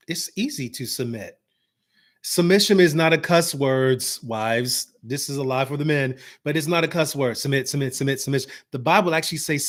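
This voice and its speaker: A man giving casual, motivational marriage advice, acting out bits of dialogue and dropping to a calm, soft tone for examples. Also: a little high. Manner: animated, acts out dialogue, drops to calm soft tones for examples.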